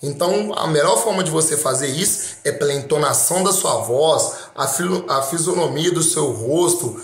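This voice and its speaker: A man's voice: fairly high pitch, moderate pace. A man with a Brazilian Portuguese accent giving a motivational talk, speaking emphatically and straight to the listener with repeated phrases. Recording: roomy echo.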